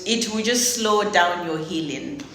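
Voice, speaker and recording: A woman nurse with a Nigerian accent explaining health tips in a lively, emphatic way. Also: fairly low pitch, measured pace. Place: lecture room. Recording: echoey lecture hall with faint noise.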